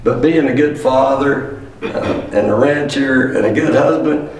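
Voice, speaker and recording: Male cowboy poetry reciter, rancher type, plain storyteller, fry in the voice, heavily reverberant room. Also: medium pitch, measured pace. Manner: plain-spoken rhymed storytelling. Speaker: rancher poet telling stories on stage. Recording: roomy echo, distant mic, faint noise.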